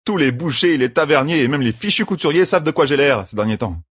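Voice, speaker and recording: A man's voice: a little high, expressive, fast, a bit bright, slightly rough, no room sound, clean studio sound, pitched above the performer's own voice. A man voicing a cheeky, grumbling young rogue who talks sarcastically, in an audiobook.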